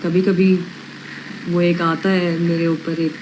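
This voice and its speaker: A woman's voice: lowish voice, level tone, takes it slowly, noisy background. A young woman with a slight British accent, chatting casually on a livestream as a reality show contestant, frank and self-assured, dropping English phrases into her talk. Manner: mixes English phrases into speech.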